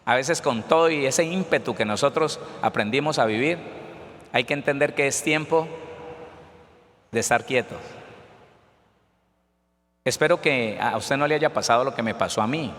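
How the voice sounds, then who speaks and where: A man preaching a sermon with fervor, calling out to the congregation and rising to shouts at times. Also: medium pitch, normal speed, long pauses, big-room sound, slight background noise. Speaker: pastor.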